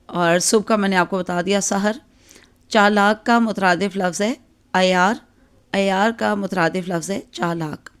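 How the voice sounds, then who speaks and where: A woman with a Pakistani Urdu accent teaching an exam-focused grammar lesson, explaining patiently with frequent check-ins and filler pauses. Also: mid-range voice, fairly even intonation, smooth.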